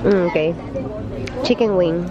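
A woman's voice: lowish voice, slow pace, lo-fi sound, crowd noise. A woman, chatting animatedly to viewers into a phone held at arm's length. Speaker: family vlogger. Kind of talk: casual vlog chat. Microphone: phone camera held at arm's length.

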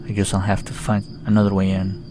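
A man's voice: sits low, monotone, quick pace, background noise. A man giving chatty, joking let's-play commentary on a horror game. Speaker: gaming YouTuber.

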